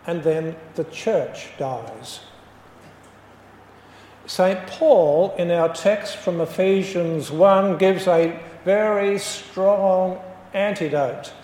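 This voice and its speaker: A man preaches in a high, unhurried voice. He tells his story and drives home each point with emphasis. His words ring through a roomy church hall with a long echo. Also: a little mellow, slight background noise. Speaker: pastor. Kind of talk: sermon.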